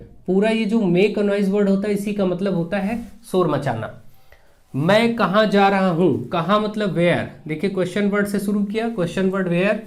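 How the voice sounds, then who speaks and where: A man with a Hindi accent teaches English grammar for an exam. He explains each rule step by step and repeats every example sentence slowly so students can follow along. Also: sits high. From India. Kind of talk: exam-prep grammar lesson.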